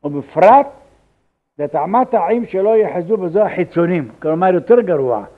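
Old rabbi on a tinny line. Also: male voice, high voice, lively intonation. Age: older. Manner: halting, repeats words, acts out quoted dialogue. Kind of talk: religious law lesson with anecdotes. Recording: tinny phone-like lo-fi recording.

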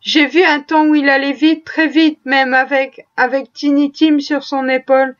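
A poor mother speaks softly, steadying her family through grief, as a woman narrator gives her voice. The tone is high and gentle. The recording is dull and lo-fi. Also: level tone, normal speed, close to an everyday voice. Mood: tender.

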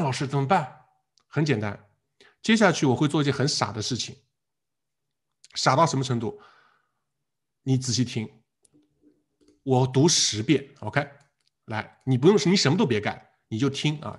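A man teaching an English exam class in a live online lecture, speaking with an animated manner, asking the class questions and repeating words as drills. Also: medium pitch, normal speed, long pauses, husky.

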